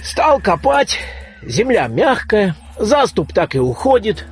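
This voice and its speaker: A man reading a folk tale aloud in a dramatic, expressive way, acting out the cries of the creatures. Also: sits high, slow pace, soft background music. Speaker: storyteller.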